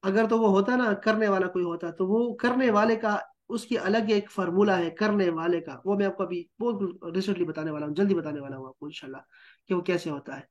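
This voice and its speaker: A man's voice: high-pitched, highs cut off. A man teaching a Quran translation class, patiently explaining word meanings and checking in with students. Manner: patient, explains with repeated checks like "theek hai?".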